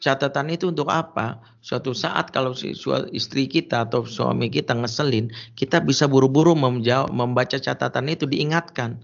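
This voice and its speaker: A man's voice: medium pitch, moderate pace, vocal fry. A man preaching a humorous sermon, emphatic and joking as he tells stories and gives advice, on a dull lo-fi recording.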